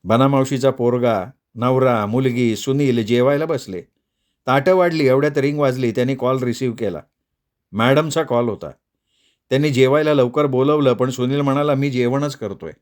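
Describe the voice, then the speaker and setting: A man narrating a story aloud in measured, short phrases. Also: medium pitch, darkish tone.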